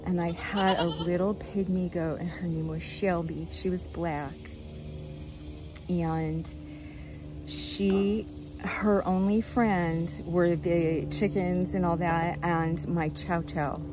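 An older woman chatting casually outdoors on her farm, talking gently and rambling as she loses her train of thought. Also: fairly low pitch, steady tone, takes it slowly, low-quality recording. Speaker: goat rancher. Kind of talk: casual farm vlog chat.

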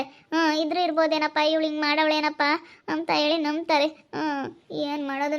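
Woman playing a weepy young wife, high and pleading. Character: tearful young wife accused of wrongdoing. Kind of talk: village family drama acting. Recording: dull lo-fi recording.

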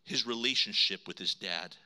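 A man preaching a sermon as pastor, dramatic, swinging between loud emphasis and hushed low lines. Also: moderate pace.

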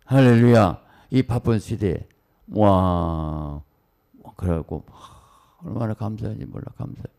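A middle-aged man, a senior pastor preaching at a dawn prayer service in a hurried, excitable way, full of quick exclamations and asides. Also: low voice, gravelly.

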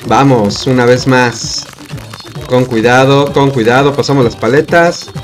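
Gaming host, male, mid pitch, excited running commentary. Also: soft background music. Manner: reacts loudly with rapid repeated words.

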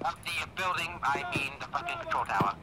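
A man's voice: a little high, lively intonation, fairly quick, loud music behind the voice. A man giving tactical callouts to his squad over game voice chat. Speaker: player calling targets in a military game. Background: loud vehicle and game ambience.

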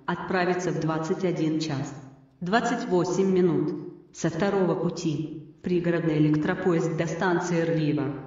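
A woman giving a formal, measured public-address announcement at a railway station, in the manner of an airport announcement. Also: on the low side, fairly even intonation. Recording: muffled, very echoey distant station loudspeaker.

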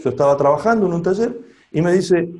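A male pastor preaches at a seminar, telling a personal story. His voice sits a little high for a man, with a mellow, dark tone. He swings his pitch widely and stops to ask the audience questions. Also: lively intonation, quick pace. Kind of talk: sermon testimony at a seminar.

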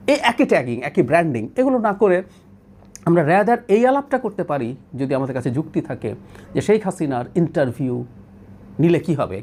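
A man's voice: fairly high pitch, a little mellow. A man with a Bangladeshi accent giving a political opinion monologue, arguing with rhetorical questions and frequent hesitations. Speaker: political commentator.

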